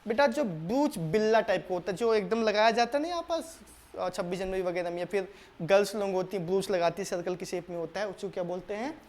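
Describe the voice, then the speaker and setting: A man with a high-pitched, slightly mellow voice and lively intonation teaches a board exam maths lesson step by step. He asks his students questions, answers them himself, repeats key steps, and patiently coaxes them, calling them "beta." He reads the English question slowly, word by word.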